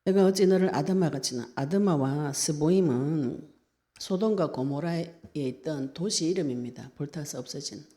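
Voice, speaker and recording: A woman's voice: low-pitched, mellow. A woman pastor with a Gyeongsang Korean accent, preaching a sermon in an earnest, conversational way.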